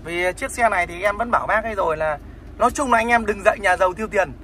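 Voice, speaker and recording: Man, quick salesman patter, high voice, outdoor phone vlog, faint noise. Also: pushed and bright. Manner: fast salesman patter, repeats short tags. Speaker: motorbike dealer vlogger. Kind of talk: casual selling vlog.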